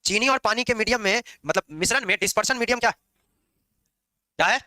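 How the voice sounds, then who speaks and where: A man lectures his chemistry class quickly, teasing and scolding students along the way. His voice is high and very bright, swooping up and down. The sound is dry and close. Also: dry recording. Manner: lively, scolding and joking with students. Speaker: chemistry teacher.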